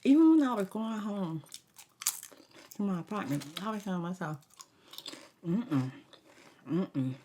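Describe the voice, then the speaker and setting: A woman's voice: mid-range voice, sing-song, moderate pace, pauses often, warm tone, slight background noise. A woman ASMR vlogger rambling through a casual story time, talking candidly and emphatically with slangy asides and advice.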